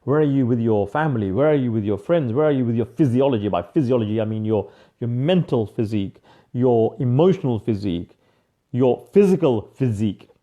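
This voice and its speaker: A man giving an energetic live motivational coaching talk, emphatic, repeating key phrases and calling viewers by name. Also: medium pitch, fairly quick, lo-fi sound.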